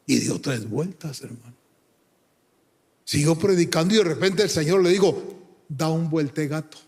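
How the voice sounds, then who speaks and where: A man's voice: fairly high pitch, expressive, moderate pace, creaky, a little mellow, breathy edge. A male preacher giving a fervent sermon and prayer, calling his listeners brother. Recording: long hall reverb.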